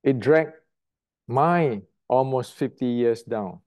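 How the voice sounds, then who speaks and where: An older man lectures on martial arts in a slow, unhurried delivery. His voice is mellow and warm. He speaks bluntly and emphatically, often repeating a word while he hunts for the next one. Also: mid-range voice. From Indonesia. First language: Indonesian. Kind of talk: lecture to camera.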